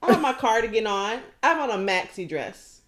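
A woman co-hosting a podcast, telling a story in a casual chat and breaking into loud laughter. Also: a little high, expressive, brisk. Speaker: podcast co-host.

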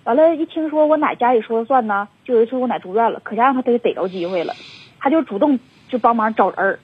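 A young woman with a Northeastern Mandarin accent talks fast over a tinny, dry phone line. Her voice is very husky and a bit high, and she rambles on with filler words and an upset tone. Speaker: caller. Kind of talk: phone-in confession. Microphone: telephone.

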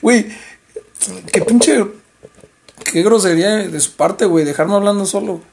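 A man's voice: unhurried, creaky, a little hiss or hum. A young man with a Mexican Spanish accent, hosting a livestream and chatting casually, animatedly telling party gossip and mimicking people. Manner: animated, acts out others in high mimicking voices. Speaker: livestream host.

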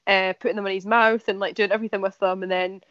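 A woman's voice: mid-range voice, flat delivery, fast talker, a bit bright, dry recording. Woman, podcast host, chatty, giggly, dry muffled sound. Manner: chatty, giggles often, fillers like "like". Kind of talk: casual interview chat.

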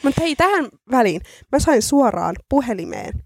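A woman's voice: high voice, big pitch swings, creaky, husky, no echo, clean studio sound. A woman co-hosting a podcast, chatting casually and poking fun at herself. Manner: chatty, self-mocking. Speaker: podcast co-host. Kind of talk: casual chat.

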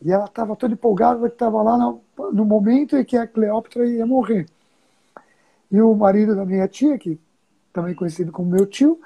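A woman's voice: mid-range voice, husky, lo-fi sound. A woman with a Brazilian accent, a Buddhist teacher chatting casually and telling stories with frequent chuckles. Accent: Brazilian Portuguese. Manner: storytelling, chuckles often, drawn-out pauses. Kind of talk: casual conversation.

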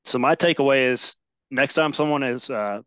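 A man hosting a podcast who asks interview questions in a relaxed way and laughs easily. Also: mid-range voice, moderate pace, clear, resonant tone, no room sound. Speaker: podcast host.

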